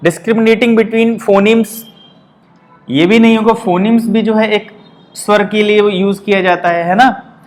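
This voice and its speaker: High-voiced man teaching slowly. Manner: reads options slowly, explains in quick asides; mixes Hindi and English, frequent "theek hai". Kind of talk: exam-prep lesson.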